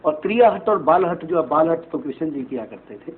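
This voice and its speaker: A man with a slightly high, expressive voice talks briskly as an astrologer guest answering questions in a TV studio interview. He explains at length in a preachy way, often asking "right?" to seek agreement, and the audio has a tinny, phone-like band with faint hiss.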